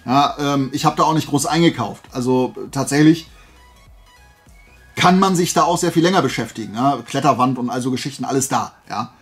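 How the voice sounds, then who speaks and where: Soft background music plays under this fairly quick, medium-pitched male voice. Showing off his flea market and fair finds on YouTube, he talks to viewers like a vlogger, rambling, digressing and poking fun at himself.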